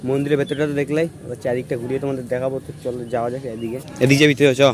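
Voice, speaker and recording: A man's voice: fairly even intonation, racing, crowd noise. A young man giving casual, chatty vlog commentary while walking around a temple garden outdoors, filmed on a handheld phone. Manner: chatty, repeats filler phrases, lowers voice to near-hushed at times. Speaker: vlogger.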